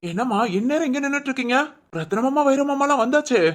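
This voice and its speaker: A performer voicing an earnest, protective young adult son in an animated family drama, reassuring his mother in quick talk. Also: high-pitched, lightly acted. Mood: concerned.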